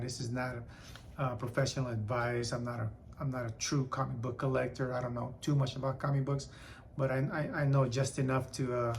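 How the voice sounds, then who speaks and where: A hoarse man who keeps clearing his throat, chatting casually and rambling as a comic book vlogger. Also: mid-range voice, a little hiss or hum. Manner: rambling, repeats and restarts words. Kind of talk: casual vlog chat.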